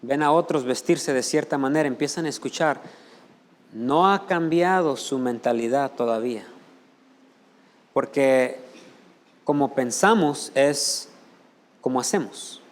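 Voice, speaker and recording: A man's voice: mid-range voice, measured pace, pauses often. A male pastor preaching a Spanish sermon, firing rhetorical questions at the congregation and mimicking people's voices. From United States. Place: church sanctuary. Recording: long hall reverb.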